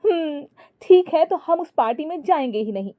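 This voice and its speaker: A woman's voice: high voice, lively intonation, normal speed, phone-quality sound, voice pushed up. A woman voicing a bossy, fashion-obsessed young wife who talks insistently and dramatically in a storybook.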